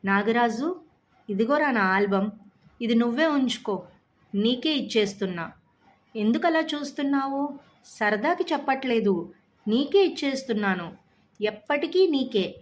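A woman's voice: on the high side, expressive, unhurried, pauses often. A woman voicing a young boy who is tearful, remorseful and generous, talking in a pleading, insistent, choked-up way.

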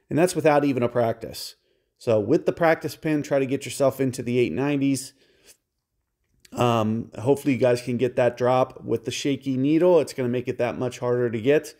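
A man calmly walking through a mobile golf game, explaining his shot calculations step by step for viewers. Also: medium pitch, vocal fry. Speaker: game guide creator. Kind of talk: mobile game walkthrough commentary.

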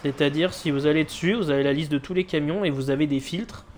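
A man's voice: fairly high pitch, fast, darkish tone. A man giving casual live commentary as he streams a game, with noncommittal, shrugging asides. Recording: clear background noise, game ambience.

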